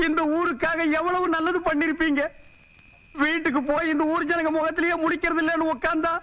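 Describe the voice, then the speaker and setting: An actor playing a loyal, self-pitying servant in a film comedy, pleading. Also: male voice, very high voice, pushed and bright. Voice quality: whining, pleading. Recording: dull lo-fi film audio.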